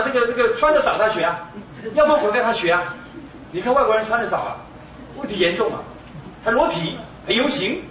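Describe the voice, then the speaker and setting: A man's voice: extremely high pitch, sharp tone. A man giving a Buddhist sermon in an emphatic, exclamatory way, full of rhetorical questions to the audience. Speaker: Buddhist lecturer. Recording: echoey, distant, dull room recording.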